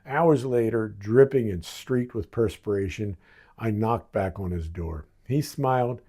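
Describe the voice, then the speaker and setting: A Baltimore man in his sixties reads his own memoir as scripted narration, his phrasing wry, dramatic and punchy. His American voice is on the low side, warm and a touch breathy, delivered at a measured pace.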